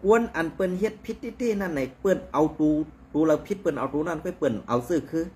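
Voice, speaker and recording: A man giving conversational news commentary in an animated, rambling way, with frequent fillers. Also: fairly high pitch, fast, slight background noise.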